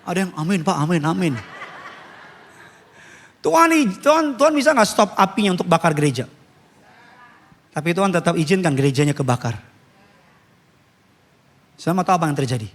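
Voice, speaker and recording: A man preaching a sermon as pastor, swinging from low murmurs to loud calls and asking the congregation to respond. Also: expressive, fairly quick, pauses often. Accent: Indonesian. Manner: asks congregation to respond and turn to neighbours.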